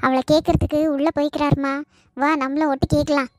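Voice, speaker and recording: A woman's voice: sits high, level tone, a little fast, no echo, studio quality, close to an everyday voice. A woman voicing a scheming tattletale little girl in a cartoon, talking in a snide, gossiping way.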